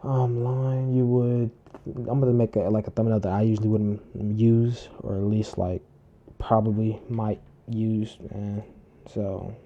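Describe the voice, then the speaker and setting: A man's voice: on the low side, little pitch movement, unhurried, muffled recording. A man casually talking through a screen-recorded tutorial, rambling with many fillers and restarts, breathing close into his desk microphone. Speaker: tutorial host. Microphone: desk mic close to mouth, heavy breathing.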